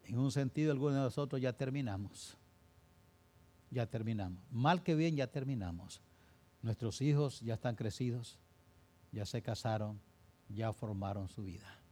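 An older man preaching a sermon as pastor, swinging between loud stress and quiet, slow pleading. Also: medium pitch.

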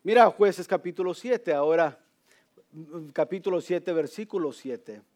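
A man preaching a sermon, telling stories and quoting lines in a soft low voice, slipping in English words now and then. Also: lively intonation, a little slow. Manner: storytelling with acted quotes, occasional English words. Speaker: pastor.

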